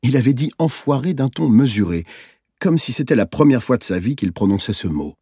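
Male narrator, first-person novel, husky and expressive, measured reflective read. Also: medium pitch, no echo, studio quality. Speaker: audiobook narrator.

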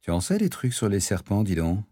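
A man reading an audiobook voices a young female scientist, speaking a little higher and lighter, gently teasing. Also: big pitch swings, brisk, slightly rough, no echo, clean studio sound. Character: young woman, a caring scientist. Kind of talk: audiobook character voice.

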